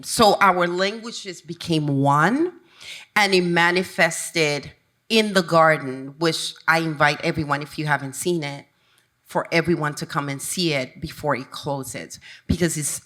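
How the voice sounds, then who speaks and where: A woman's voice: sits low, pushed and bright. A woman from Honduras, speaking as an advisor on a panel, reflective and searching for words as she talks. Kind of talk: panel discussion.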